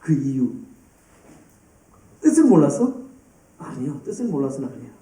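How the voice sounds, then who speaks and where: A man preaching a sermon to a youth group, lively and addressing students by name. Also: mid-range voice, moderate pace. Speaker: pastor. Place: church hall. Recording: roomy, distant church hall sound.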